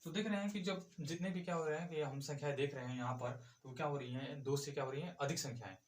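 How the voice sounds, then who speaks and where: A man's voice: a little high, fairly even intonation, fast, echoey room. A male math teacher explaining a lesson step by step, asking and answering his own questions as he goes.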